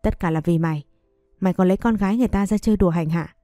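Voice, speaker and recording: A woman's voice: lowish voice, rapid-fire, warm tone, no echo, clean studio sound, soft background music, natural voice. A woman reading the lines of a furious old father in an audio story, scolding harshly.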